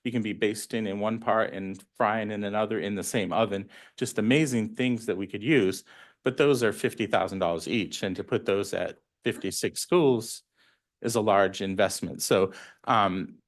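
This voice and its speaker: Man, school nutrition director, lowish voice, plain and explanatory, answers a board's questions, lots of ums. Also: normal speed. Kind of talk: explaining at a public board meeting.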